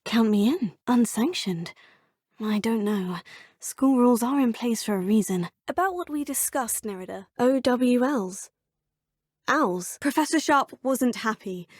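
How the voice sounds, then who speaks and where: An actress voices game lines for a player character, a poised and polite young witch student who is proper but lightly teasing. Her voice is on the high side and a little mellow, with lively intonation and a measured pace. It's recorded on a close studio mic, studio quality with no room sound.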